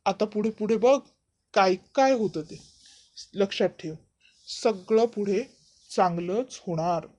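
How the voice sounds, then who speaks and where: A woman's voice: mid-range voice, takes it slowly, long pauses, mellow, close to an everyday voice. A woman voicing a cheeky young man who teases his rival. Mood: teasing.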